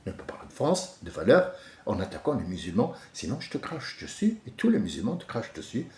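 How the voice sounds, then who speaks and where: A man's voice: on the low side, big pitch swings, a little fast. Fiery, digressive man in a roomy space. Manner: passionate, digressive, swings from soft musing to loud ranting. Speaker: religious speaker. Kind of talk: informal religious commentary.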